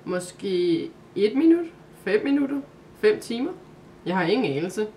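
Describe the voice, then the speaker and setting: A woman's voice: medium pitch, sing-song, dark tone, far from the mic, slight background noise, lightly acted. A woman doing hesitant puzzled young boy. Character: unsure, bewildered young boy companion. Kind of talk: storybook reading.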